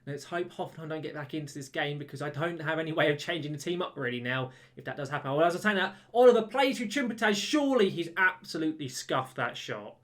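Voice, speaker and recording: A man giving casual, chatty commentary over a football management game, getting excited when goals go in. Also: on the high side, fast, few pauses. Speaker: gaming YouTuber. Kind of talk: let's-play commentary.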